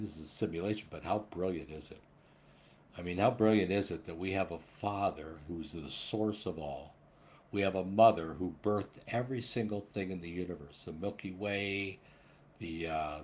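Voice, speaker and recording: Low-voiced older man rambling earnestly. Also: darkish tone. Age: 60s. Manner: rambling, earnest, swears casually. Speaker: spiritual vlogger. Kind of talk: rambling spiritual monologue.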